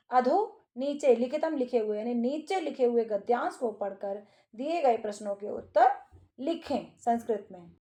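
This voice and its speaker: A woman teacher walks through a Sanskrit exam paper, reading each line aloud and then explaining it. Her voice sits fairly high, with a mellow, soft tone and nothing sharp in it. She talks as a patient instructor. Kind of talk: exam paper walkthrough lesson.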